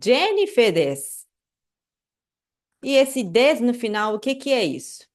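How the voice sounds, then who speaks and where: A woman teaching a casual live online class, chatty and animated, checking in with listeners often. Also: fairly high pitch, normal speed. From Brazil. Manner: chatty, many fillers like "né" and "tá", animated asides. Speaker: Japanese language teacher.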